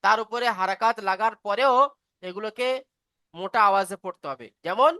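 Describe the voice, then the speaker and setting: Bright-voiced woman teaching a reading class. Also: medium pitch, moderate pace, dry recording, studio quality. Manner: patient, explains step by step and checks understanding. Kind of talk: online class instruction.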